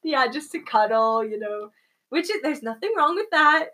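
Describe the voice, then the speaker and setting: A woman's voice: high-pitched, expressive, moderate pace, bright, forceful tone. A young woman chatting casually as a co-host, giggling often and filling her talk with "like". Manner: giggly, chatty, many fillers. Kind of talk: casual chat.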